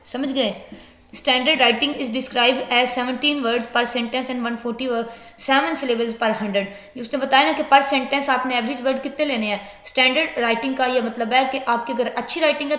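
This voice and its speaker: Woman teacher with a high voice, in an echoey room. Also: fairly bright tone. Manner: reads English lines slowly, then explains in Urdu-Hindi. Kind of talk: explaining a lecture step by step.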